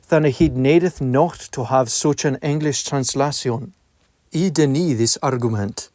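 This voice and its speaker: A man reading a text aloud in Middle English, with archaic pronunciation and a deliberate, measured delivery. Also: on the high side, a little mellow, no room sound, clean studio sound.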